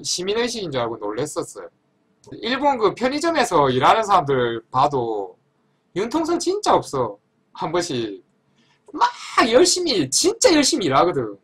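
A man from Korea casually telling a story to camera in an animated, emphatic way, often repeating himself for stress. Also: sits high, breathy edge. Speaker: vlogger.

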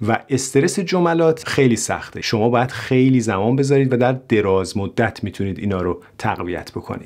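Guy teaching pronunciation on video, says each word a few times, clear and steady. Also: medium pitch. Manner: clear, models words slowly and repeats them. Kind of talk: video lesson.

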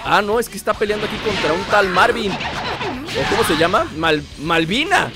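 A man commentating his gameplay, joking and taunting enemies in mock-villain fashion, shouting during fights. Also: high voice, big pitch swings, normal speed, loud music behind the voice. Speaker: gameplay streamer.

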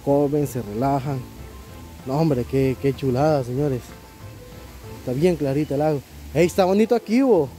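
A man's voice: medium pitch, moderate pace, long pauses, dark tone, soft background music. A man with a Salvadoran Spanish accent hosting a casual travel vlog outdoors, chatty and enthusiastic. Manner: chatty, enthusiastic, laughs often. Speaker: vlogger host. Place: outdoor riverside restaurant.

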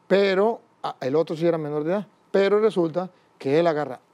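A priest tells his life story in an interview, acting out every voice of the dialogue himself. His voice is fairly high for a man yet dark and mellow in tone. The recording sounds dull and muffled. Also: a little fast.

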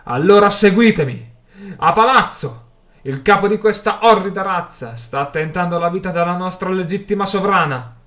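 A young male adventurer bellows a rallying speech from atop a cart, performed by a man reading a storybook aloud. His voice climbs high and loud with passion, pushing each phrase over a restless crowd. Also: moderate pace. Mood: fiery rallying shout. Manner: loud impassioned oratory.

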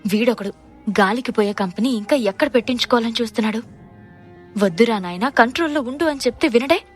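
A woman's voice: on the high side, fast talker, soft background music, natural voice. A woman voicing a nervous cautious man. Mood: grumbling. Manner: urgent, pleading.

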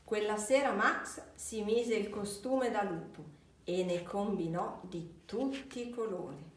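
Woman library reader, picture book aloud, very slow and high, echoey room, mic far off. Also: a little hiss or hum. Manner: slow, deliberate storytelling.

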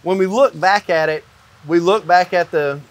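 A company owner in his fifties explains construction hands-on, making emphatic points step by step. His voice is high and his pace moderate, and he's indoors in a metal-walled barn or shop.

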